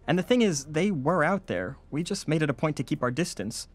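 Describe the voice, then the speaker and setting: Nervy, highish-voiced American survivor. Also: male voice, lively intonation, fairly quick. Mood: wry, nostalgic. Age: 30s. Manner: nervy, wordy, precise. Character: neurotic, bookish, earnest young male survivor. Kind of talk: film comedy narration and dialogue.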